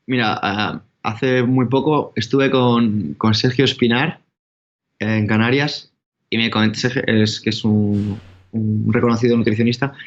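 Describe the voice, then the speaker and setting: Rambling man, slightly muffled. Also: medium pitch. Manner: rambling, self-correcting, animated storytelling. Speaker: interview guest, entrepreneur. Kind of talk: casual interview talk.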